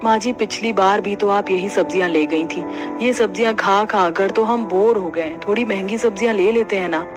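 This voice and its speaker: A woman voicing a patient young daughter-in-law and mother in an animated family story, gentle and polite. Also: mid-range voice, normal speed, over music, natural voice.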